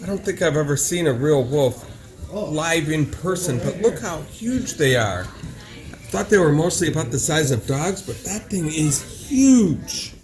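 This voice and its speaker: Vlog host, unhurried pace, awed exclamations, casual wildlife narration, music in background. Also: medium pitch, expressive, a little mellow. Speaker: host of a travel video channel. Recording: music behind the voice.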